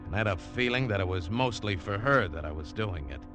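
Narrator and lead of a 1950s radio drama, a male actor plays a tough adventurer describing his own exploits in a wry, clipped way. His lowish voice is expressive and brisk, lightly acted, with music under the old radio broadcast.

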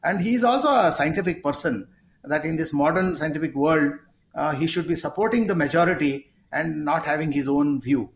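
High-voiced man in an echoey room. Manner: halting, many filler pauses. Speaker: sports psychology coach hosting. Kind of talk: conversational interview.

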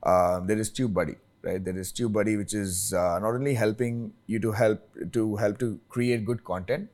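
A man's voice: fairly low pitch, fairly even intonation, normal speed, a little mellow. A man with an Indian accent speaking conversationally as an expert interview guest, emphatic and repeating his points with checking tags. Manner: emphatic, repeats phrases, often tags "right?".

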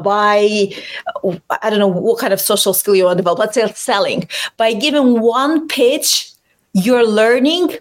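A woman originally from Russia talks as a guest coach in a relaxed interview, her voice sitting a little high. She is animated, laughs as she speaks, and now and then restarts a word mid-thought. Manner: animated, restarts words, laughs while talking. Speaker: communication coach, podcast guest. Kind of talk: casual interview conversation.

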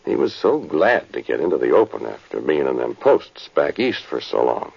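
On a muffled vintage radio play, a folksy American cavalry sergeant, worn and plainspoken. The voice is very deep and husky, with rustic grammar and a storyteller's weariness. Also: male voice, very animated, normal speed, heavily acted. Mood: reminiscing. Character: folksy weary old frontier cavalry sergeant, a dead man. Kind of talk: 1940s radio drama acting.

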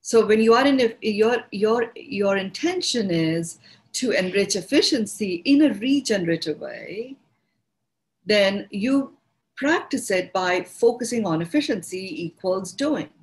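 Indian woman giving slow, reflective guidance. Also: mid-range voice, expressive, poor audio. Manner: unhurried, repeats and restarts words while searching for phrasing. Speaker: podcast host and speaker on personal growth. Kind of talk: reflective spoken teaching.

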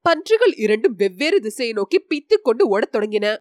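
This audiobook narrator delivers a storybook at a fairly quick clip, her reading clear, steady, and even. She has a higher-leaning voice, captured close-up and dry without any echo from the room.

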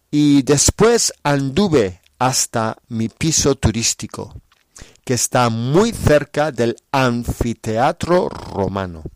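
A man reading a travel diary aloud in clear, simple Spanish for learners. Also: mid-range voice, dry recording. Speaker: narrator of a learners' story. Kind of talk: scripted narration for learners.

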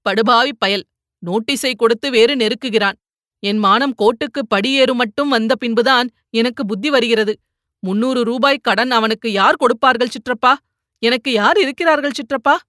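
A woman's voice: fairly high pitch, normal speed, fairly bright tone, no echo, studio quality, close to an everyday voice. A woman voicing a remorseful young man who pleads tearfully for forgiveness, in an audiobook reading. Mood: desperate.

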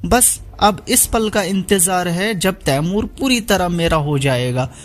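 A man's voice: high voice, lively intonation, takes it slowly, pitched above the performer's own voice. A man voicing a scheming young woman villain who talks in a sneering, taunting way. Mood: smug scheming.

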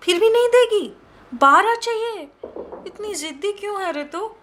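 Woman doing a middle-aged housewife, scolding, haggling, sharp, high-pitched. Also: big pitch swings, unhurried, slight background noise, exaggerated voice.

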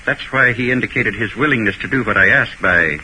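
An actor playing an older, genteel millionaire, formal and theatrical in an old radio mystery, fretful yet matter-of-fact. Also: male voice, on the low side, a little fast, sharp tone. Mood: earnest, practical. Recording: faintly noisy old radio recording.

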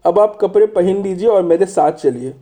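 A man's voice: high voice, animated, moderate pace, dark tone. A man voicing a courteous, shrewd spy in a storybook, polite and persuasive. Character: courteous, shrewd male spy, deferential strategist.

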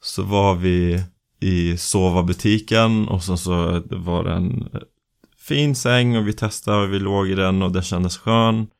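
A man co-hosting a casual podcast chat, telling an animated story and acting out the dialogue. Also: low-pitched, creaky. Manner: animated storyteller, acts out dialogue, frequent restarts. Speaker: podcast co-host.

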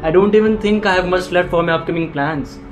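A man plays an eager, carefree young son in an audio drama. His voice is high for a man and has a North Indian accent, with light music in the recording. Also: fast, natural voice. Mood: eager, defensive. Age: young adult. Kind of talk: scripted audio drama dialogue in Hinglish.

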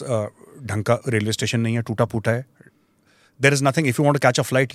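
Man, Indian accent, rapid-fire delivery, emphatic repetition, Hindi-English switching, panel commentary, dry sound. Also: mid-range voice, dry recording. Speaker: guest commentator. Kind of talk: panel discussion, explanatory.

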